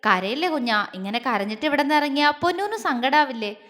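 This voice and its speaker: A protective young man, voiced by a woman storyteller, teases and scolds with warm affection. His lines come in her own high voice with a long hall reverb. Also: expressive, a little fast. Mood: fond, firm.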